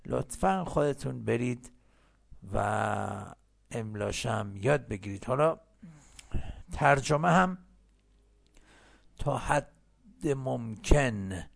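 A man teaching English in a recorded lesson, patiently explaining and repeating English phrases slowly. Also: mid-range voice, animated, vocal fry.

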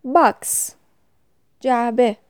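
A woman teaching English vocabulary, saying each word, giving its meaning and spelling it out letter by letter in a calm, measured way. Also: a little high, no echo, clean studio sound. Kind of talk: slow vocabulary drill, spelling words letter by letter.

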